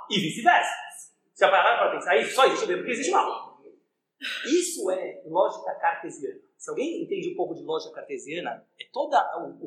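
A man, a rabbi giving a lively religious lesson to a live audience and often asking them questions. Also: high voice. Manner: animated, questions the listeners. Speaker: rabbi teaching a class. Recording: echoey room.

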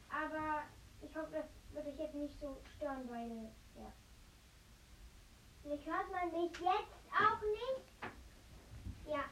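A young girl hosting a casual show, chatting informally to her listeners. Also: extremely high pitch. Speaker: host of a kids' challenge show. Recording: noisy home recording with clicks.

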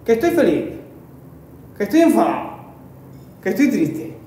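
A high-pitched man with a mellow Spanish-voice chats casually on a podcast. He explains things at length and searches for his words. A strong echo fills the room around him. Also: huge pitch swings, normal speed, far from the mic, a little hiss or hum. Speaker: podcast co-host. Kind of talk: casual chat. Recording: very echoey room.

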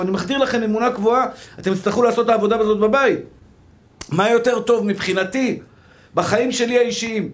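Man rabbi with a strikingly high voice, preaching to a live audience, punchy and repetitive. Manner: emphatic, repeats rhetorical questions, calls listeners brother.

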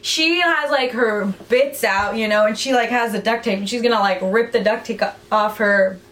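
A young woman co-hosting a casual podcast, retelling a book plot in an animated, chatty way. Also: on the high side, moderate pace. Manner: chatty, animated storyteller who acts out quotes. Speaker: podcast co-host.

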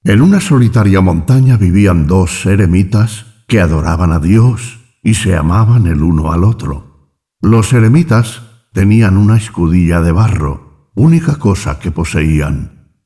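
Male audiobook narrator, deep-ish and mellow, steady measured storytelling. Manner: slow, measured storytelling with quoted dialogue read in his own voice. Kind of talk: scripted narration.

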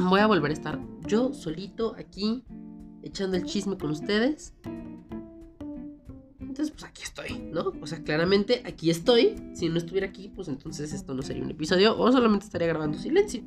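A woman's voice: lowish voice, lively intonation, a little fast, music in the background. A woman with a Mexican Spanish accent hosting a casual solo podcast, rambling and self-mocking, with a cold and a sore throat. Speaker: podcast host.

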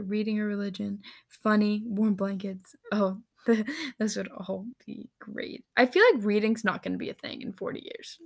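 A woman vlogging on her own, reading answers aloud and reacting with giggles and quick asides. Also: medium pitch, creaky. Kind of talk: casual solo chat.

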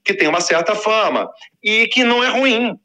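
A man whose voice sits high talks at a normal speed through a long personal story. His delivery is casual, animated and slangy, and he imitates the voices of the characters he quotes.

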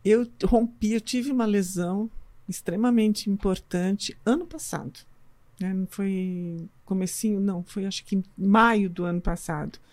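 A Brazilian woman in middle age talks with a mellow, relaxed tone. She tells her story casually and animatedly, acting out the quoted back-and-forth in her own voice. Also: mid-range voice, normal speed. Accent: Brazilian Portuguese. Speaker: physician guest, amateur runner.

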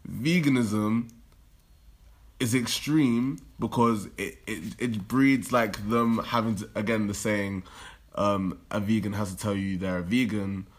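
A young man in a casual debate, explaining his view in a halting, informal way. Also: lowish voice, steady tone.

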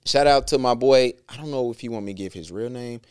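A man co-hosting a podcast in casual chat, laid-back with lots of slang and shout-outs. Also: medium pitch, fast, clean tone, no echo, studio quality. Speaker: podcast co-host.

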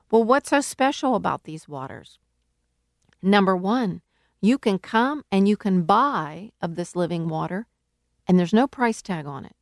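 Slow, earnest woman preaching. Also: medium pitch, dry recording, studio quality. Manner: earnest, emphatic, rises to calling out. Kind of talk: sermon teaching.

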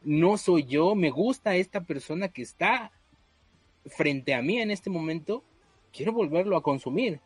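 A man's voice: fairly high pitch, lively intonation, unhurried, slightly rough, dry recording. A man hosting a casual podcast chat, hesitant and full of fillers. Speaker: podcast host.

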